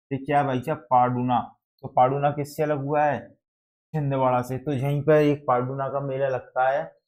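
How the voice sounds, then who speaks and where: The audio is dull and lo-fi, carrying a man's medium-pitched, slightly mellow voice. As a teacher, he relies on memory tricks to convey exam facts and repeatedly draws the class into call-and-response questions.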